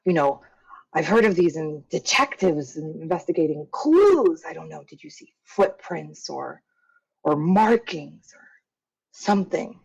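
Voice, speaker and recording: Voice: mid-range voice, lively intonation, measured pace, vocal fry, slightly rough, no echo, full character voice, rough recording. A player voicing a motherly female bard who fusses over people and calls them dear. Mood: curious. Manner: fussy, doting, calls others dear.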